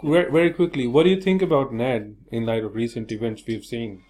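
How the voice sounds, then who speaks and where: A man's voice: mid-range voice, fairly even intonation, fairly quick, darkish tone. A man hosting a casual online interview, frank and hesitant with many fillers. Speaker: interview host.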